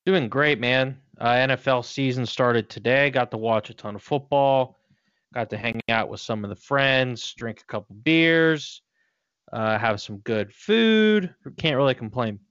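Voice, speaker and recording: A man's voice: medium pitch, a little slow, a bit bright, clean tone, no room sound. A man co-hosting a podcast with casual, conversational sports talk. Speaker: podcast co-host. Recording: dry, dull lo-fi podcast audio.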